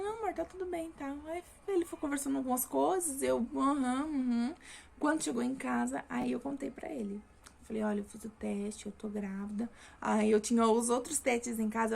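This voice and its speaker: A woman's voice: a little high, vocal fry, a little mellow. A young woman from Brazil, telling a personal story in a casual chatty way, full of fillers and self-corrections. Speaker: vlogger.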